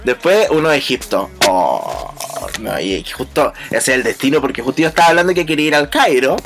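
A young man with a Chilean Spanish accent telling stories in a casual podcast chat, animated, with lots of laughing and playful voice imitations. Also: medium pitch, a little fast, slight background noise. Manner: animated storytelling, mimics voices and laughs often. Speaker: podcast host.

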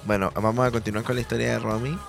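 A man's voice: mid-range voice, fairly even intonation, very fast, vocal fry, music in the background. A man hosting a casual radio chat, joking and steering segments while he has hiccups and a cold. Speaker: radio host.

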